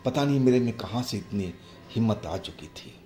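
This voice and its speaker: A man telling a horror story in the first person, halting and hushed. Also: fairly low pitch, lively intonation. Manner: slow, halting, hushed retelling. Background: faint music.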